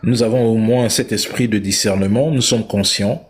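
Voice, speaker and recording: A man hosting a live talk show, speaking in a measured, reflective way. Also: fairly low pitch, steady tone. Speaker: host.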